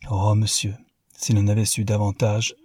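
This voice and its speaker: A man reading the part of an elderly woman servant, pleading and deferential in manner, husky and dry. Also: on the low side, monotone, moderate pace, darkish tone, no room sound. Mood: anxious pleading.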